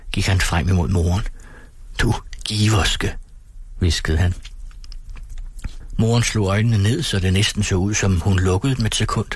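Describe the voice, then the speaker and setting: A man reading a story aloud in a calm, deliberate way, stopping now and then to explain an old word. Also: low voice, husky, no room sound.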